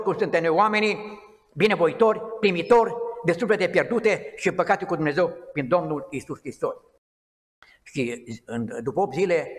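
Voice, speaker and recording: A middle-aged man giving an informal, rambling sermon in a small church, with halting restarts. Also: high voice. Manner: conversational and digressive, with halting restarts. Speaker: lay preacher. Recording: long hall reverb.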